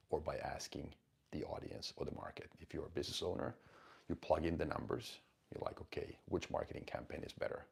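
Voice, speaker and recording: A man in his forties talks live to his viewers with a very low, gravelly voice. His tone is rough and husky, and he coaches bluntly and emphatically, swearing now and then. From Finland. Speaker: host of a live stream. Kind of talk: casual live-stream talk answering chat questions.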